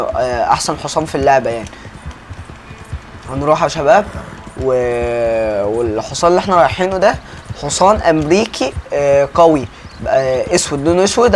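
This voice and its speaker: A young man with an Egyptian Arabic accent rattles off casual gameplay commentary at a quick clip, his voice sitting a little high. He talks chattily and keeps turning to address his viewers. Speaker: gaming YouTuber.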